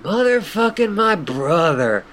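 A man's voice: high-pitched, big pitch swings, slow, fairly bright tone, a little hiss or hum, pitched above the performer's own voice, exaggerated voice. A man voicing a laid-back, stoned male clown troll who drawls, swears and honks. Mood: mellow.

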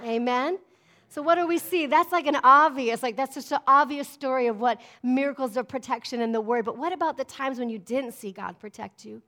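A woman's voice: high-pitched, a little fast, sharp tone. A middle-aged woman pastor preaching a sermon, emphatic and conversational, often asking her congregation "amen?". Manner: emphatic, call-and-response preaching with frequent "amen?".

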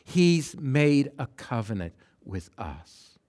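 A man preaching a sermon, reading scripture and swinging from loud, fervent emphasis to hushed near-whispers, repeating phrases for effect. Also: mid-range voice, sing-song, slow.

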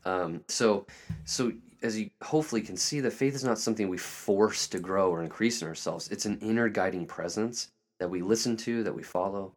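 A man with a notably low voice talks earnestly through a reflective spiritual monologue. He searches for his words, circling back with restarts and soft fillers as he goes. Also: moderate pace. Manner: emotional, tearing up at moments. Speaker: podcast host.

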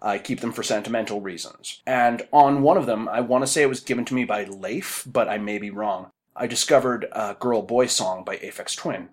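A man in his thirties hosting a podcast, reading a wry, essay-like monologue in a measured way. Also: fairly low pitch. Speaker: podcast host. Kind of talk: podcast talk with a written monologue.

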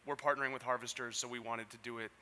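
A man, a pastor, speaking conversationally to his congregation with gentle humor. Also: mid-range voice, flat delivery, fast. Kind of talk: sermon and church announcements. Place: church hall. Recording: reverberant hall, faint ambience.

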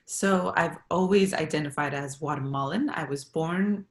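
Young woman guest from Los Angeles, low voice, easygoing and lively; roomy recording. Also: normal speed. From Los Angeles, USA. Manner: animated, laughing, acts out quoted exchanges. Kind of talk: casual interview chat. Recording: roomy sound with construction noise.

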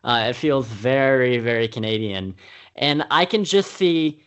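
Brief: male podcast co-host, mid pitch, loose casual chat, lots of "uh" and restarts. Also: measured pace, fairly bright tone, clear, resonant tone, dull audio. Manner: rambling, many fillers and restarts. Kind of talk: casual film-review chat.

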